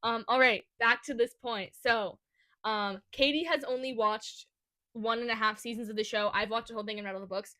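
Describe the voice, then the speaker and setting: A young woman co-hosting a casual podcast chat, chatty and giggly with quick asides. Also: a little high, fairly even intonation, sharp tone. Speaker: podcast co-host. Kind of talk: casual chat between friends.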